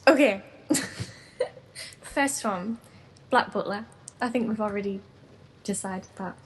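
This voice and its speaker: A woman's voice: mid-range voice, slow, a little hiss or hum. Giggly young woman. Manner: giggly and cheerful. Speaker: ASMR artist and podcast guest. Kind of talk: casual interview chat.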